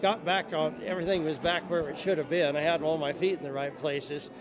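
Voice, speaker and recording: A man telling an unscripted personal anecdote about his life with horses in a plain-spoken, measured way. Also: fairly high pitch, steady tone, over music, rough recording.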